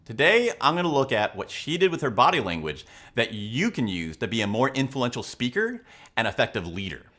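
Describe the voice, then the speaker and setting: A man's voice: mid-range voice, sing-song, a little fast, a bit bright, slight background noise. A man presenting analytical commentary to viewers as a coach, with an emphatic, instructional way of talking. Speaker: body language and leadership coach, video host.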